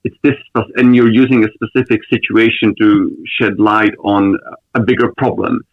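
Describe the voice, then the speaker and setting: A man from the Republic, a lawyer answering interview questions in a thoughtful, measured way with frequent ums. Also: lowish voice, steady tone, dry recording, narrow, tinny audio. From Czech Republic. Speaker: lawyer guest.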